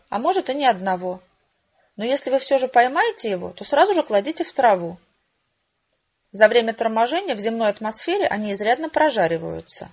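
Woman reading as a chatty older lady, bit higher, husky, muffled audio. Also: heavily acted. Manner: chatty, instructive. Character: cheerful older widow, meteorite hunter. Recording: dull lo-fi recording.

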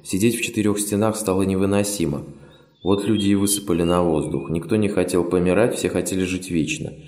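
Deep-voiced male audiobook narrator. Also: steady tone, fairly quick, darkish tone. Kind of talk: scripted literary narration. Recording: roomy with faint music.

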